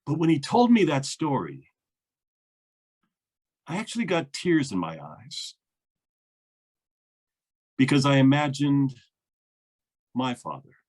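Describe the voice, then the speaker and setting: A man's voice: medium pitch, big pitch swings, slow, pauses often, darkish tone. A man, a minister, interviewing a guest in an earnest, thoughtful way with frequent fillers. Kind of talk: reflective conversation.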